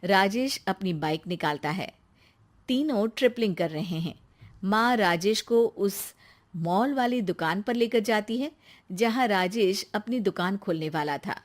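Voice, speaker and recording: A woman giving scripted narration for an animated bedtime story, in an even, plain storytelling manner. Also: mid-range voice, measured pace.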